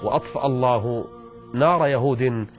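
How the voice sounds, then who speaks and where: A man's voice: mid-range voice, normal speed, music in the background. Dramatic storytelling man, lo-fi sound. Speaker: preacher. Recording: dull lo-fi recording.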